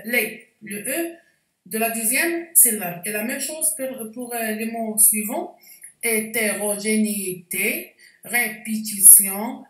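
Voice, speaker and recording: A woman teaching a spelling lesson, explaining slowly and carefully with frequent hesitations. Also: fairly high pitch, a bit bright. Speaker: French teacher. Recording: echoey room, voice distant from mic.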